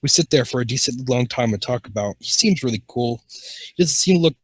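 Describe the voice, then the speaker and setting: A man's voice: mid-range voice, lively intonation, brisk, husky, no echo. A man hosting a comedy show, reading fan fiction aloud and often tripping over words and restarting.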